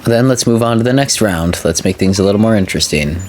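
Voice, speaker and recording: A man's voice: fairly low pitch, quick pace, a little mellow, a little hiss or hum. A man giving casual video game commentary, talking a little carefully with a sore mouth after having a wisdom tooth out. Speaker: video game let's player. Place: indoor voice-over recording.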